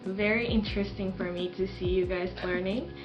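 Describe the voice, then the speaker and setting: A woman's voice: mid-range voice, fairly even intonation, highs cut off, music in the background. A young woman from Japan with a Japanese accent, co-hosting a casual podcast in a careful, friendly way. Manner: slow, careful, friendly, laughs often. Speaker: podcast co-host, visitor services coordinator. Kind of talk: casual chat.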